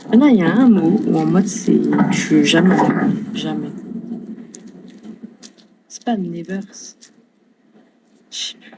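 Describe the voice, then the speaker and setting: A woman's voice: fairly low pitch, very noisy. A woman casually chatting on her live stream, talking in loose slang, swearing freely, answering her chat and fumbling for English words.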